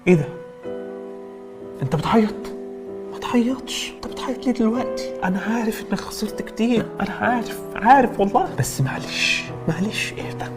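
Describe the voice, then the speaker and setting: A soothing Egyptian comforter. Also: male voice, high voice, expressive, brisk, over music. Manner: soothing, coaxing. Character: man soothing a crying friend.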